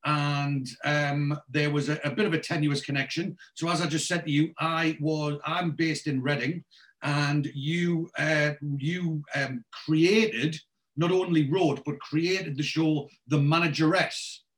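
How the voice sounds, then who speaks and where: Hosting a casual podcast interview, this man in his forties, a Geordie from North East England, rambles with plenty of fillers and restarts. He talks a little slowly in a fairly high, slightly bright voice with fairly even intonation.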